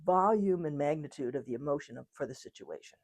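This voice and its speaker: A woman's voice: low voice, lively intonation, fast, darkish tone. A woman physician giving an informal, conversational educational talk on trauma. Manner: conversational, acts out quotes, occasional laughs.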